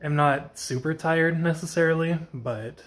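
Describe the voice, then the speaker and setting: This vlogger sounds tired, his voice a little high and slightly scratchy as he talks through his after-work day at a measured pace. He's soft-spoken and meandering, often stopping to correct what he just said.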